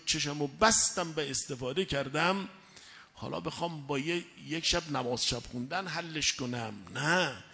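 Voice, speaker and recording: A man preaching a sermon, slow and measured, with sudden loud emphatic rises. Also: fairly high pitch. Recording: echoey hall reverb.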